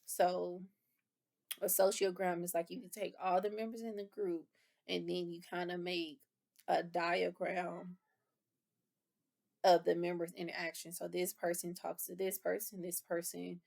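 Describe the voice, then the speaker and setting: Woman instructor, explains and rephrases terms, fry-heavy voice. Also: fairly low pitch, flat delivery, unhurried, darkish tone. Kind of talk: lecture review.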